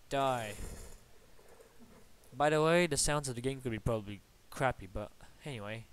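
At normal speed and medium pitch, a young Bulgarian man with a Bulgarian accent rambles through casual let's-play commentary at his home computer, playfully swearing at enemies. His awkwardly placed desktop mic picks up a little hiss or hum.

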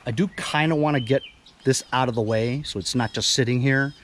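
Speaking fairly quickly in a mid-range voice, a small engine repair vlogger in his 50s chats casually with plenty of fillers while fixing machines in his driveway and backyard. The action camera recording carries a little hiss or hum.

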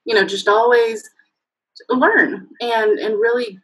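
A fairly high, steady-toned female voice with a breathy edge speaks slowly on a rough recording. The speaker, in her thirties, comes from Mexico and speaks Spanish as her first language. As a guest on a casual video call from home through a laptop webcam, she tells warm stories full of fillers and laughs in bursts.

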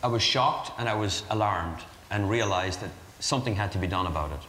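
Low-voiced Irish man in echoey hall. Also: fairly quick, pushed and bright, a little hiss or hum. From Ireland. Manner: earnest, explanatory. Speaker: charity founder guest. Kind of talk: TV interview. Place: community center before a live audience.

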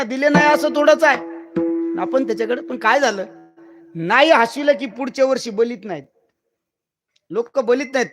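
A man's voice: extremely high pitch, a bit bright. A man preaching a devotional kirtan sermon to a live gathering, declamatory and teasing the crowd with rhetorical questions.

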